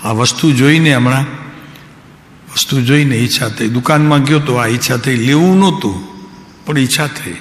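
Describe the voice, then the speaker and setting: Man giving a calm discourse in an echoey hall. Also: mid-range voice. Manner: unhurried, calm delivery; asks listeners direct questions. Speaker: spiritual teacher. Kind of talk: devotional discourse. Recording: echoey hall, faint background noise.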